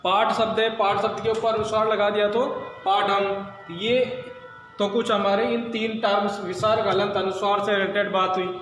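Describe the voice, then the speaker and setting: High-voiced man teaching in an echoey room. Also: little pitch movement, fairly bright tone. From India. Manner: explains slowly, asking and answering his own questions. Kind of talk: blackboard lesson. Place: classroom with blackboard. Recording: very echoey room, long reverb, faint noise.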